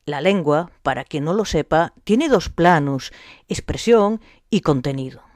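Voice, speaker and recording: Slow, deliberate woman teaching. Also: deep voice, expressive, a little mellow. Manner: slow and deliberate, spelling out sounds with pauses. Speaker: language teacher. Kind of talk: explanatory phonetics lesson.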